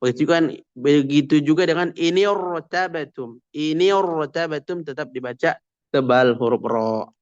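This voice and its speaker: Man teaching Quran recitation rules, lo-fi. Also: a little high. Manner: explains rules, then recites example words slowly and emphatically. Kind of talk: tajwid lesson with recited examples.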